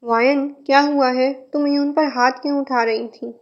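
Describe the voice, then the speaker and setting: A woman's voice: high voice, fairly even intonation, normal speed. A woman voicing a young father who scolds sharply, then coaxes his daughter, in a fan fiction reading. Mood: angry. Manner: voices an angry scolding then a soft coaxing tone. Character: adult man, angry then tender father. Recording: muffled lo-fi recording.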